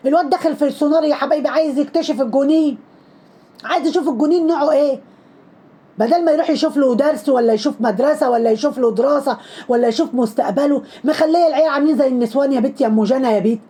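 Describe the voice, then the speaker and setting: A woman's voice: high voice, rapid-fire, mellow. A woman with an Egyptian accent, giving sarcastic commentary on trending videos, scolding and mocking with lots of repetition. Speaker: social media commentator.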